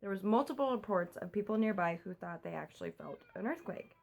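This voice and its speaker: A woman's voice: medium pitch, lively intonation, gravelly. A young woman from the US chatting in a casual home vlog, recorded on a phone while keeping her voice down at night. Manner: chatty, talks fast, keeps voice down. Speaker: vlogger.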